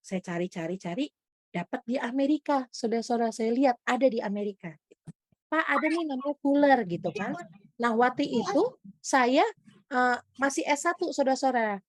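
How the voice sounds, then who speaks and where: High-voiced woman preaching with animated storytelling. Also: normal speed, dry recording, clean studio sound. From Indonesia. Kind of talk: testimony sermon to a congregation.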